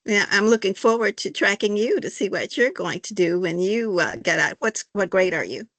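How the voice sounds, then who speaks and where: An older woman from Arkansas, answering in a halting, folksy way with many fillers. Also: medium pitch, lively intonation, fairly bright tone, no room sound. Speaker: interviewee, church member. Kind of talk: casual conversation.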